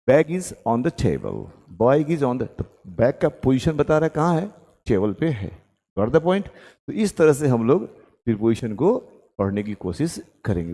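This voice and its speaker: A male tutor teaches a grammar lesson, his mellow voice rising and falling a great deal. He breaks each point down and keeps asking whether the class understands. The sound carries a long reverberant tail. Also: medium pitch. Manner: explains step by step with frequent check-in questions. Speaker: English tutor.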